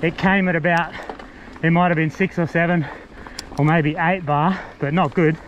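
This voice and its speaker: Riding a mountain bike along an outdoor bushland trail, a man offers casual, laid-back, fragmented commentary about his gear. His voice is a little high, with a steady tone and moderate pace. An action camera worn on the ride captures muffled audio thick with wind and trail noise.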